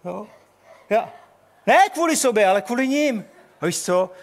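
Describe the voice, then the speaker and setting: A hot-headed fisherman apostle, as a preacher puts him on, protesting in a whiny, exasperated voice that climbs high and swings wide. He sounds wronged and impulsive, quick to take offence. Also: expressive. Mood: indignant.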